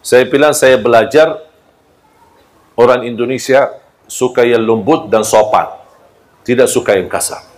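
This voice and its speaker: A man with an Arabic accent preaches humorously in a mid-range voice, a little slow and marked by long pauses. His lively storytelling includes acting out quoted voices and joking with the audience.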